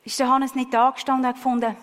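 A woman's voice: high voice, little pitch movement, racing, fairly bright tone. A woman preaching a sermon in an earnest, personal, conversational way, recorded in a church hall.

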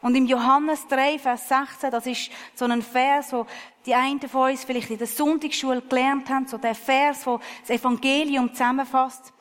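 A woman's voice: high-pitched, fairly even intonation, moderate pace. A woman preaching a sermon in an earnest, personal, conversational way, recorded in a church hall.

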